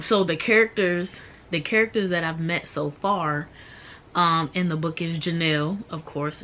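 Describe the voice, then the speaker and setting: A young woman chats casually through a book review, her voice sitting a little low. She talks loosely, with plenty of "um" and "like" fillers. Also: a bit bright, a little hiss or hum. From Maryland, USA. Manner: chatty, many "um" and "like" fillers.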